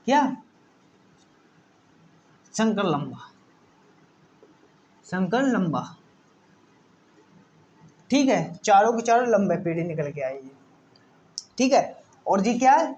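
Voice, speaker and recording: A man's voice: high voice, sing-song, takes it slowly, long pauses, darkish tone, lo-fi sound. A man teaching a science lesson, often repeating words and asking the class questions. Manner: repetitive, asks the class questions.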